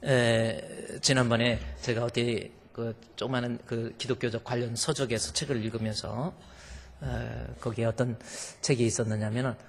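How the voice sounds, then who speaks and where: A man preaching a sermon as pastor, lively, acting out quoted voices with humor, in a church sanctuary. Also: medium pitch, moderate pace, creaky, slight background noise. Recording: long hall reverb.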